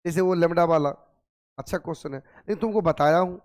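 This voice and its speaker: A man teaching a physics class, nursing a sore throat, coaxing and gently scolding his students with repeated questions. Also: on the high side, a little fast. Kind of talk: classroom lecture.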